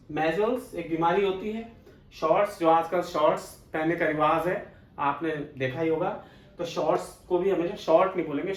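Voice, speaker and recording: A man's voice: high-pitched, echoey room. A man with an Indian English accent teaching English grammar as a classroom lecture, explaining step by step and asking and answering his own questions.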